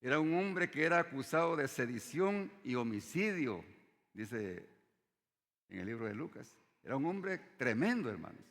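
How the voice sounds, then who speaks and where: A man preaching a sermon in a church, his voice carried by a long hall reverb. He keeps addressing the congregation as brothers, rising on key words and sinking low at the ends of phrases. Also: sing-song, normal speed, fairly bright tone. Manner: repeats "hermanos" often, dropping his voice low at phrase ends.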